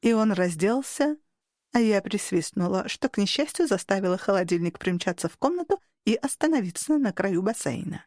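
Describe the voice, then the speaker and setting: A woman narrating a first-person audiobook with a theatrical, playful delivery. Her voice sits at an ordinary middle pitch. The recording is dry and close, with no room echo. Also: expressive, moderate pace, a little mellow. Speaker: audiobook reader.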